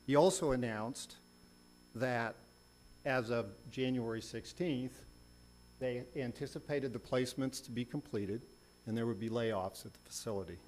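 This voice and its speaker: A man's voice: mid-range voice, moderate pace, a little mellow, low-quality recording. A man speaking as a lawyer, presenting a formal oral argument in a courtroom. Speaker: lawyer arguing an appeal. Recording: faint hum and background noise.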